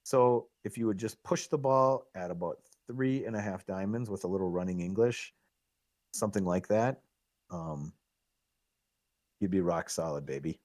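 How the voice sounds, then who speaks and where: A middle-aged man giving excitable, coaching commentary on a live pool match, laughing at himself often. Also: low-pitched, normal speed.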